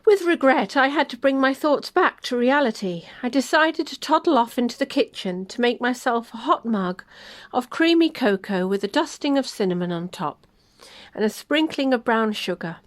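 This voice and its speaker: A woman reads her own first-person love story aloud. She tells it gently and expressively, in a somewhat high voice. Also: lively intonation, moderate pace.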